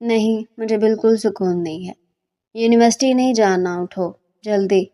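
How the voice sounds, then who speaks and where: A fiery young female student, put on by a woman narrator nags and scolds with impatience in a storybook reading. The voice is soft and mellow despite the temper. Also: mid-range voice, normal speed, natural voice. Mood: scolding.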